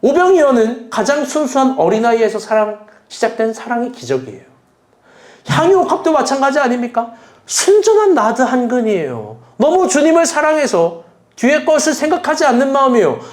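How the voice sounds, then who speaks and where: A man pastor preaching a sermon in an earnest, emotional way, piling up rhetorical questions. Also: extremely high pitch.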